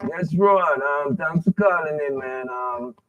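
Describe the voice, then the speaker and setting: A man's voice: on the high side, animated, vocal fry, no echo, far from the mic, phone-quality sound. A man hosting a casual radio sports show, asking questions with frequent fillers and restarts. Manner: halting, many fillers, friendly questions.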